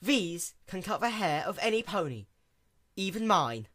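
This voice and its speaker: Regal storybook pony princess, voiced by a man. Calm, formal, measured, pitched above natural speech. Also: full character voice. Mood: solemn. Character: calm, regal elder-sister pony princess, gentle ruler.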